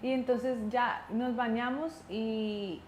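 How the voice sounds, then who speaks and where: A woman's voice: fairly high pitch, steady tone, takes it slowly, a crowd in the background. A young woman hosting a family chat, prompting and filling in her mother's story. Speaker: host, vlogger. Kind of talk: casual family conversation. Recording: echoey room with faint hum.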